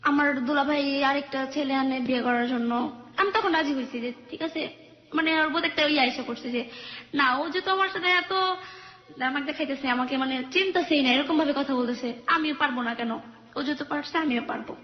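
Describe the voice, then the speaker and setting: A woman's voice: sits high, brisk, echoey room, lo-fi sound. A young woman calling in to a radio show, earnestly retelling her own life story and acting out her family's quarrels. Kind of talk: personal story told on a call-in radio show.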